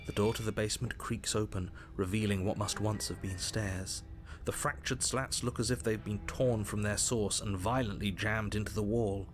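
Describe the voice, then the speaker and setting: A grave storybook narrator played by a man for a dark fairy-tale game. The voice is low, measured and ominous, with music behind it. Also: close to an everyday voice.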